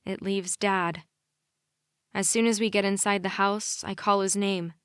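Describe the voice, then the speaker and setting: A woman's voice: mid-range voice, flat delivery, unhurried, smooth, dry recording, studio quality. A woman narrating a young adult romance audiobook in the first person, with intimate, emotional storytelling.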